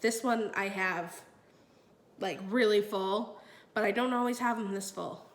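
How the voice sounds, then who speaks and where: A woman's voice: medium pitch, unhurried, echoey room. A woman with a stuffy, nasal voice chatting casually as she demonstrates products in a vlog, with frequent fillers. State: stuffy nose. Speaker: product review vlogger.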